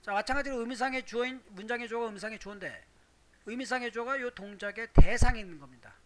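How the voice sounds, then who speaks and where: A Korean man teaching English grammar, explaining step by step with rhetorical questions and reading English examples slowly. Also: very high-pitched, sharp tone, slight background noise. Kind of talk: recorded grammar lecture.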